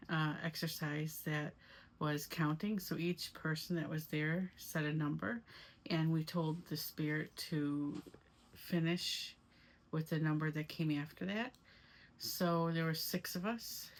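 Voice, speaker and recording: A woman's voice: sits low, vocal fry. A woman giving a casual, rambling first-person recap as an amateur paranormal investigator vlogger. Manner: rambling, conversational.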